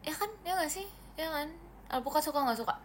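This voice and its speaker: This livestream host, a seventeen-year-old Indonesian girl, talks fast in a high voice with lively intonation as she reads comments and thanks viewers one by one. She slips English phrases in, and there's slight background noise.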